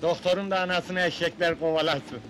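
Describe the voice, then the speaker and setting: An actor playing a brash, scheming apartment doorman in a 1970s comedy film, loud and quick to swear. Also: a little high, fairly even intonation, music in the background, lightly acted. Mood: blustering. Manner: loud, blustering, swears freely.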